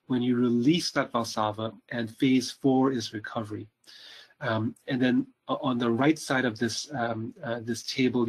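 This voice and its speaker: A middle-aged Canadian man gives a cardiology lecture at hospital rounds. His voice sits at a medium pitch. He talks haltingly, filling pauses with ums and uhs and repeating words as he works through his slides. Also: low-quality recording.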